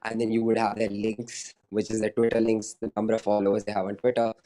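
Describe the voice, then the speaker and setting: A man with a mellow, dark voice talking loosely on a video call. He rambles, restarts sentences and leans on fillers as he explains his product. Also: on the low side, completely flat delivery, quick pace, rough recording. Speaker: startup founder. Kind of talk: casual interview answers over a video call.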